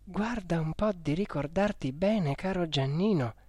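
A reader of a storybook voicing a worried middle-aged mother who speaks in a hushed, anxious warning tone. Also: medium pitch, a little slow, breathy edge, no room sound, voice pushed up.

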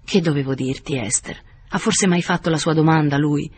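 A proud, bitter young noblewoman, read by a man in an audiobook. She speaks curtly, with a husky, breathy edge and a dismissive, scornful turn. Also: fairly high pitch, normal speed. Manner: curt, scornful. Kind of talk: audiobook character reading.

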